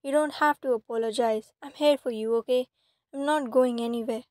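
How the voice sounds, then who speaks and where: A woman voicing a caring young woman who soothes a crying friend in a soft, gentle voice. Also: fairly high pitch, steady tone, brisk, dry recording, clean studio sound, close to an everyday voice. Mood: soothing.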